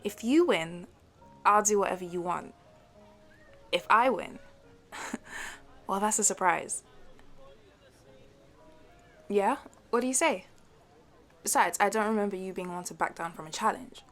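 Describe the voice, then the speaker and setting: In an intimate one-sided audio roleplay, a woman plays a sporty young woman teasing a childhood best friend, playful and challenging, competitive yet a little halting, with hesitant starts and giggles. Her voice is mid-range for a woman and a bit bright, with faint music in the background.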